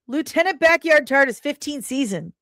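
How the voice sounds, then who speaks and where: A woman hosts an entertainment news livestream, reading and answering chat comments in a playful, chatty, irreverent way full of pet names and slang. Her voice sits high and animated, with a fairly bright tone and moderate pace. The sound is clean studio audio with no echo.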